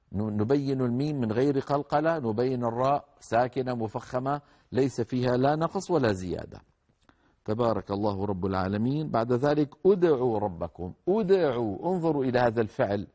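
Man, tajweed teacher, patient explanations, slow drawn-out chanted examples, mid-pitched voice. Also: darkish tone. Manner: addresses students directly, correcting common mistakes. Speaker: Quran recitation teacher. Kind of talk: tajweed lesson with recited examples.

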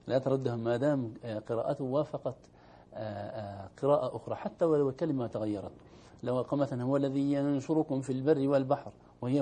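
Male recitation teacher: quick explainer who models verses slowly, mellow voice. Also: medium pitch, breathy edge.

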